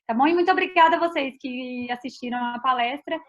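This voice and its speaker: Brazilian woman, high voice, chatty researcher on a dull lo-fi video call. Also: fairly quick, fairly bright tone. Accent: Brazilian Portuguese. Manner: chatty, frequent "tá?" and "né?" tags. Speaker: invited scientist speaker. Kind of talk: casual online talk and Q&A.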